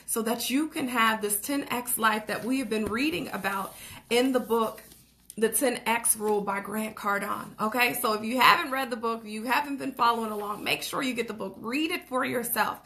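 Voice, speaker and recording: A young woman with a slightly high voice delivers a fired-up motivational talk, preaching about goals and action. She repeats calls to act, slips in short laughs and keeps asking "okay?" to check her listeners are with her. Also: bright, forceful tone. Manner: laughs between phrases, says "okay?" and "like" often. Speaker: motivational vlogger.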